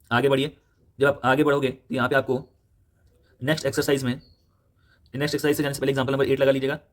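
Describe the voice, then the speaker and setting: A young man with an Indian accent, a maths tutor giving a brisk, directive textbook walkthrough, repeating his instructions and correcting himself as he goes. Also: mid-range voice. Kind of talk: fast textbook walkthrough lesson.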